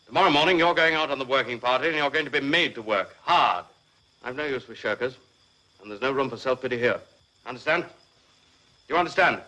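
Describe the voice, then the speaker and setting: An actor playing a stern colonel who gives strict, clipped orders to fellow prisoners in a film. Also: male voice, mid-range voice, fast, bright, forceful tone, lightly acted, low-quality recording. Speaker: senior officer in a prison camp.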